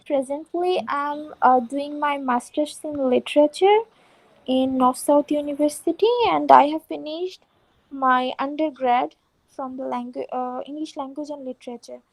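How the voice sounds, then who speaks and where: A woman's voice: sits high, fairly even intonation, normal speed, rough recording. A woman in her twenties from Bangladesh, introducing herself as a graduate student in a friendly way.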